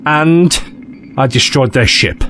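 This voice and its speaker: An actor playing a breezy, cheeky time-travelling adventurer in an audio drama, with a jaunty, theatrical, teasing manner. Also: male voice, medium pitch, lively intonation, slow, fairly bright tone, slight background noise. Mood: smug, firm.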